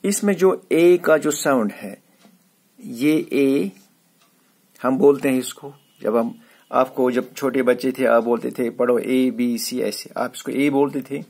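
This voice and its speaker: A man giving a classroom lecture on letter sounds, explaining slowly and repeating words for emphasis. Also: medium pitch, vocal fry, darkish tone. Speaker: English teacher. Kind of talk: classroom lecture mixing Hindi and English.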